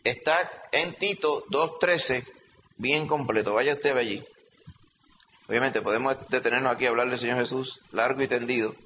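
A man preaches a sermon in a mid-range voice, bright and forceful, at a moderate pace. His teaching is emphatic and he keeps checking in with the congregation. A faint hum sits under slightly dull audio recorded in a reverberant hall.

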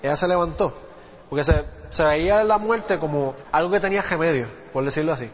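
A man preaches a sermon, telling a Bible story and checking in with his listeners as he goes. His voice sits high, and long reverb from a large hall trails each phrase. The audio is dull and muffled. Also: fairly quick, slight background noise. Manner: conversational Bible teaching, asks the congregation "¿viste?".

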